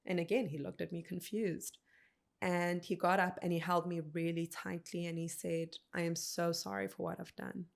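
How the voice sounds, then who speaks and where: A woman in her thirties from South Africa, a podcast guest telling a personal story in an earnest, measured way, quoting what people said. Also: on the low side, flat delivery, vocal fry. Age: 30s.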